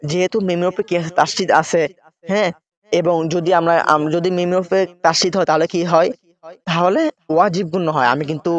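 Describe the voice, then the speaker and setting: A man's voice: on the high side, muffled recording. A man teaching Quran reading step by step, spelling out letters and vowel marks and often checking in with his listeners.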